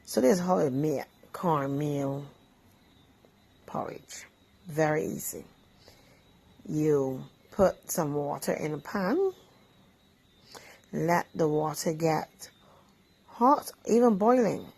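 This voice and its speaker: Barbadian woman vlogger, low gravelly voice, relaxed and chatty, talks between bites while explaining a home recipe. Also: slow, pauses often, low-quality recording. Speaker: vlog host. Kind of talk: casual cooking chat while eating.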